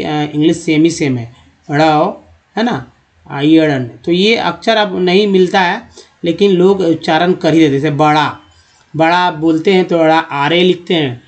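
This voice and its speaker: Man, fairly high voice, teaching syllables one at a time, patient drilling. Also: a little mellow. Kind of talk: spoken alphabet lesson.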